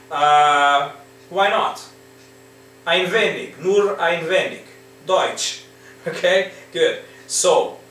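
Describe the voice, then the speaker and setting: The speaker is a man from Romania, Hungarian by first language, giving an English exam lesson in his living room while he patiently coaxes his students and keeps checking on them with a rhetorical "right?". His voice is a touch high and a bit bright. Recorded at a distance through a laptop or camera in front, it reverberates in the echoey room over faint background noise.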